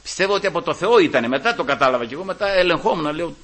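Fervent husky-voiced preacher man. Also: fairly high pitch, expressive. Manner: fervent, keeps calling out to his brothers; drops to quiet asides then rises to loud emphatic peaks. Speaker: Pentecostal preacher. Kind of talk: sermon.

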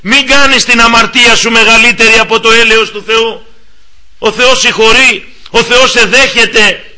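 A man's voice: extremely high pitch, fairly even intonation, pushed and bright. A man preaching a sermon, earnestly exhorting and speaking straight to each listener.

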